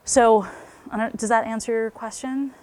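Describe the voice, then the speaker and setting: A middle-aged woman talks frankly with a group of parents in a loose, conversational way. Her speech is full of fillers like "you know", and she sometimes drops to a hushed near whisper for personal asides. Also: a little high, fairly even intonation, normal speed. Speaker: parenting talk speaker. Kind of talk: parent talk to a live group.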